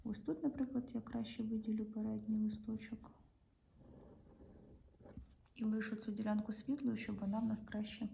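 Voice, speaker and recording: Female art teacher with a Ukrainian accent, gravelly and dark, demonstrating drawing calmly, faint noise behind. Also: fairly high pitch, moderate pace, long pauses, rough recording. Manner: calm, explaining each pencil stroke as she works. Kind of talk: drawing lesson narration.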